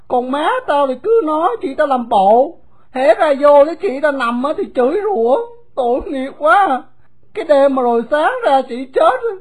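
A woman doing a loud, blunt runaway boy. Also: high-pitched, pitched above the performer's own voice. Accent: Southern Vietnamese. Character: grieving runaway boy Quỳ, bitter and blunt.

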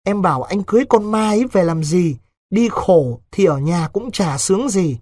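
A man playing a resolute young village lover from a spoken storybook, who talks urgently and persuasively. His husky voice sits a little raised. The recording is close and dry. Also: high voice, expressive, moderate pace, a little mellow, no room sound, voice pushed up.

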